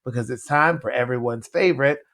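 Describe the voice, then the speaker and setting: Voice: mid-range voice, brisk, fairly bright tone. Playful podcast host introducing a segment.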